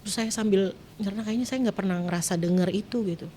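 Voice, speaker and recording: A woman's voice: medium pitch, quick pace, mellow, a little hiss or hum. A woman, a guest telling her own story in short clipped phrases, distressed and close to tears at times, her voice jumping up whenever she quotes someone. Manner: retells events in short clipped phrases, voice jumping up when quoting. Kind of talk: emotional personal storytelling.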